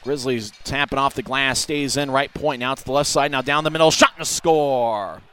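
Bright, forceful male hockey play-by-play announcer. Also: medium pitch, brisk, clear, resonant tone. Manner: excited, breaking into shouts on goals. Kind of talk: rapid hockey play-by-play commentary.

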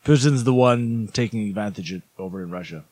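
A man putting on a low, muttered mock-Russian growl. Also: brisk, darkish tone, slightly rough, no room sound. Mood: menacing.

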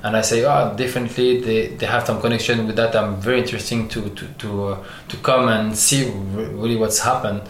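An artist guest born in Algeria and raised in France, a French speaker, gives halting interview answers in English, pausing often, restarting, and searching for words. His voice sits on the low side with a steady tone, recorded in an echoey room with faint noise.

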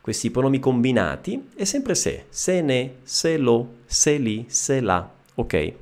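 Male teacher, video lesson; animated delivery, a gravelly edge, keeps checking the viewers follow. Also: medium pitch, measured pace. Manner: lively explaining, checks with frequent "ok?". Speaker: Italian teacher.

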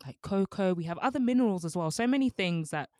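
A woman's voice: mid-range voice, expressive, fast talker, darkish tone, no room sound, studio quality. A young woman, co-hosting a casual book discussion podcast, chatty with many fillers and frequent laughs. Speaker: book club podcast co-host.

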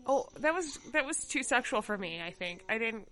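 Bright, lively woman reacting with laughter. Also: on the high side, faint music behind. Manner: animated, laughing, quick reactions. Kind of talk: casual movie-watching commentary.

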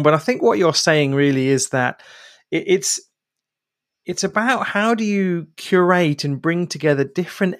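A man's voice: on the high side, creaky, no room sound, clean studio sound. A man with an English accent hosting a podcast interview. He talks in a friendly, chatty way and restarts his sentences often. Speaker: podcast host.

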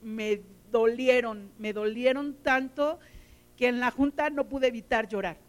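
A woman's voice: a little high, measured pace. A middle-aged woman giving an emotional sermon, telling personal stories and often repeating her words. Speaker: teacher and lay preacher.

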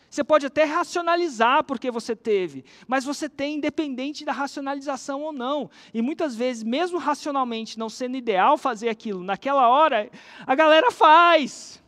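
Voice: sits high, a bit bright. A speaker with a Brazilian accent telling a story casually to teach a lesson about persuasion. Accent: Brazilian Portuguese.

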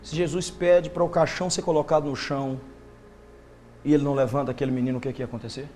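A male preacher, delivering an impassioned sermon that swings from loud bursts to hushed intensity. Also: medium pitch, fairly even intonation, quick pace, slight background noise.

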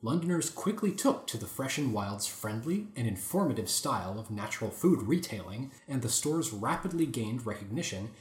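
A man hosting a podcast, reading an article aloud in a casual chat with lively asides. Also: mid-range voice, moderate pace, few pauses. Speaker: podcast host. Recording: roomy echoey room.

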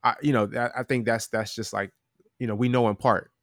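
A man talking earnestly about end times in a casual Bible chat, halting with many restarts. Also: mid-range voice, steady tone, a bit bright, dry recording, studio quality.

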